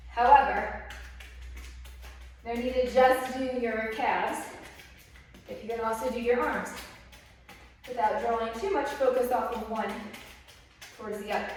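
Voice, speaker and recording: A woman fitness instructor talking through a stretching class while she moves, encouraging and a little out of breath. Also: fairly high pitch. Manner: encouraging, talks while exercising. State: slightly out of breath. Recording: very echoey room, distant mic.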